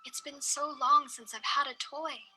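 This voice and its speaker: A woman voicing a poor young girl who softly pleads with her grandmother. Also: high-pitched, steady tone, a little slow, faint music behind, pitched above the performer's own voice, exaggerated voice. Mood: pleading. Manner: soft, pleading.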